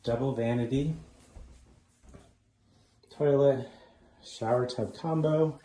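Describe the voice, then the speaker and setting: A man casually narrating a walking tour of a house, offhand and relaxed with frequent ums. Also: medium pitch, takes it slowly, slight background noise. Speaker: home tour host. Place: inside a house being toured.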